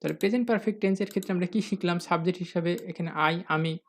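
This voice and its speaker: Teacher for a recorded grammar lesson. Patient and methodical, answers their own questions, and spells out each example sentence slowly. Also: medium pitch. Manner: addresses the viewers as "dear learners".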